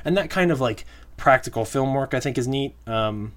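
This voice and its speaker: A man co-hosting a podcast, chatting casually about movies in a relaxed, agreeable way with frequent fillers. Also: medium pitch, moderate pace. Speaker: podcast co-host.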